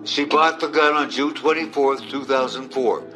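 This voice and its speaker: A man's voice: mid-range voice, steady tone, normal speed, music in the background. A man who worked on the case, recounting events in a matter-of-fact documentary interview.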